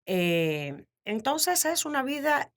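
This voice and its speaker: A Cuban woman in her fifties, speaking in an animated, laughing way as a guest in a casual interview. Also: sits high, slow pace. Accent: Cuban Spanish. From Cuba. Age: 50s. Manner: warm, animated storytelling with frequent laughter. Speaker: podcast guest.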